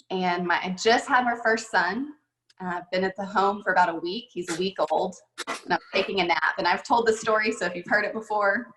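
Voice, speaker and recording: A head golf coach, a woman with a medium-pitched, slightly bright voice, shares stories on a video call. She's casual and chatty, filling her speech with plenty of fillers, and the room echoes.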